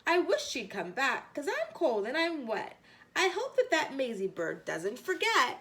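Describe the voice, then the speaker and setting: A woman's voice: sits high, huge pitch swings, measured pace, fairly bright tone, exaggerated voice. A woman voicing a loyal, patient male elephant from a storybook with earnest, emphatic declarations. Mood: grumbling.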